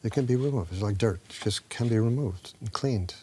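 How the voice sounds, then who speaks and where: Man, an actor, low and reflective, tells stories with acted voices, slips into whispers, faint background noise. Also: brisk, a little mellow. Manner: storytelling, acts out quoted dialogue, sometimes drops to a whisper. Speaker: actor being interviewed. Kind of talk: reflective interview talk.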